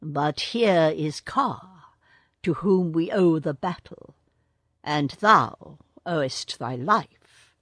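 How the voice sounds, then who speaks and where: A woman's voice: low-pitched, expressive, fairly bright tone, no room sound, heavily acted. Bagheera, a woman voicing a dry stern panther. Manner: dry, measured.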